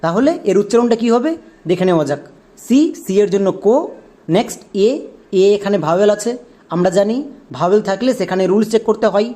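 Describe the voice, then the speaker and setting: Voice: mid-range voice, brisk, dark tone. A teacher giving a step-by-step phonics lesson, spelling words out letter by letter and asking and answering their own questions. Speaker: English reading teacher.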